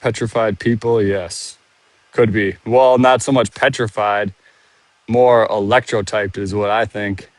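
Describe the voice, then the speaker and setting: A man's voice: on the low side, fairly even intonation, unhurried, dry recording. A man out of breath from walking, rambling and thinking aloud with restarts while he live-streams outdoors and reads viewer comments. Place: outdoors, walking around a monument.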